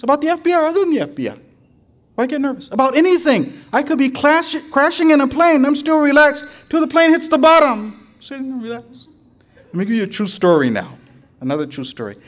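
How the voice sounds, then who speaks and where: A man preaching a sermon in a fairly high voice. He tells his stories in an animated, conversational way and keeps checking in with his listeners. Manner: animated storytelling, frequent "right?" asides.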